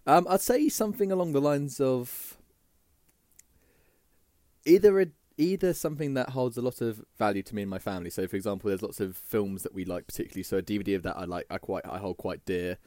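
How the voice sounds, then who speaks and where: Southern english guy rattling on fast on a podcast, jokey, dry close mic. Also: lowish voice, mellow, dry recording. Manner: chatty, jokey, quick to laugh. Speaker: podcast guest. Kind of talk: casual chat.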